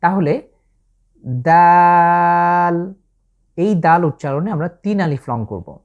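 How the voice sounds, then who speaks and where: A deep, sing-song, narrow female voice with a Bangladeshi Bengali accent carries a slow, patient Quranic Arabic pronunciation lesson, each letter drawn out as she shows it. The audio is tinny.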